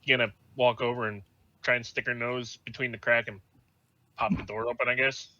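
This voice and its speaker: A man's voice: medium pitch, steady tone, brisk, sharp tone. A man playing a tabletop game, speaking tentatively and unsure, on a muffled lo-fi mic. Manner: tentative, uncertain phrasing. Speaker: player. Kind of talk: casual tabletop role-play.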